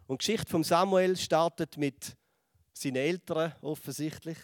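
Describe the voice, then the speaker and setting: A Swiss German preacher who retells an old story with animation, sometimes sinking to a near whisper. His voice sits slightly high, and the sound is close and dry with no room around it. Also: normal speed, dry recording. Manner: lively storytelling, acts out voices and drops to a hush. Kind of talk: sermon retelling a Bible story.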